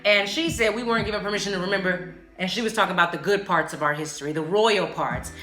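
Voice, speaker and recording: A woman with a mid-range voice talks at a quick pace, hosting a casual solo podcast where she speaks candidly and emphatically in slang and swears often. The recording has a roomy echo, with music playing behind her.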